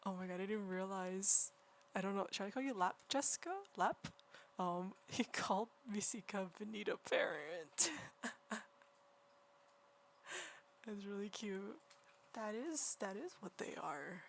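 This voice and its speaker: A woman livestreaming while she draws, chatting casually in a quiet, soft, near-whispered voice and rambling through many restarts. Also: medium pitch, expressive, unhurried, gravelly, pauses often, slight background noise. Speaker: livestreaming artist. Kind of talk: casual chat while drawing. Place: home room beside a partner who is gaming.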